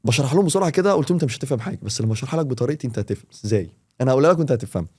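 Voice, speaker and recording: A man with an Egyptian Arabic accent, a teacher talking in a casual podcast and explaining with quick, animated examples. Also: mid-range voice, slightly rough. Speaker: English teacher, podcast guest.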